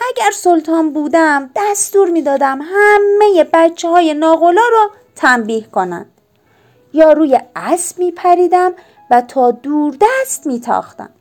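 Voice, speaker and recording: An upset chubby young boy pleads in a high, whiny voice, put on by a woman. His pitch jumps around as he whines and shouts. Soft music plays underneath this storybook reading.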